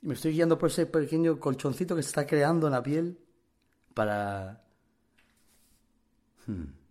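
A young man from Spain casually tells an anecdote, rambling with heaps of slang, fillers and imitated sounds. His voice is fairly high, slightly mellow and unhurried.

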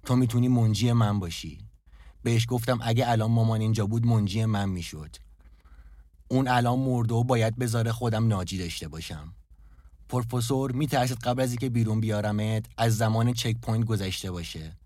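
A man voicing a brooding man, grieving his lost love, in a low, somber confessional monologue for an audio drama. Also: a little mellow, no room sound, studio quality, lightly acted.

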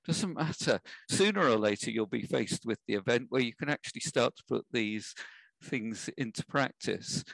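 A man, speaking as an interview guest who offers life advice in a measured, emphatic way. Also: medium pitch, expressive, creaky, a bit bright, no echo, low-quality recording. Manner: measured, advisory, emphatic at key points. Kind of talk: casual interview.

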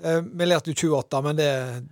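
A man, co-hosting a podcast in quick, joking banter. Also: a little high, no echo, studio quality. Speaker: podcast co-host. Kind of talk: casual chat.

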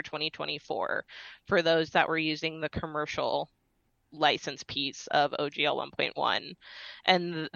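A woman talking in a casual podcast discussion, explaining things earnestly and thinking aloud. Her voice is bright and crisp. The recording is dry, with a slightly dull, lo-fi sound. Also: low voice, no echo. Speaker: podcast guest.

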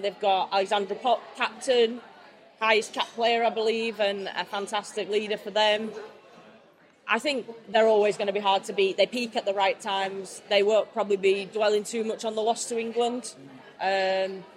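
A woman's voice: medium pitch, little pitch movement, moderate pace. A woman pundit on a sports podcast, talking casually and giving firm opinions. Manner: confident, gives firm opinions. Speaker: pundit guest.

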